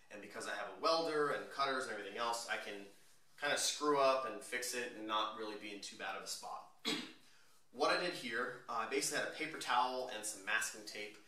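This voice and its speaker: Casual guy talking thru his car mod, lots of ums, bright voice, kinda far from the mic. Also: medium pitch. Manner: relaxed, rambling, many fillers. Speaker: DIY car modder. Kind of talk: casual DIY walkthrough. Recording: echoey room, mic at a distance.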